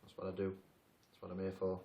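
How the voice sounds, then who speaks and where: A man's voice: low voice, monotone, fast talker, gravelly, dark tone, dull audio. A man with a mid-range voice banters and teases his co-host through a laid-back livestream chat. He sits away from the mic, and the room around him rings with echo. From Britain. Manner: teasing, banter. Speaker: paranormal group co-host. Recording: roomy, distant sound.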